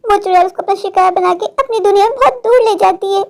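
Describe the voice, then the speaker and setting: A woman voicing a caring, chatty wife in a cartoon, who fusses, asks questions and gently scolds. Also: very high voice, fast.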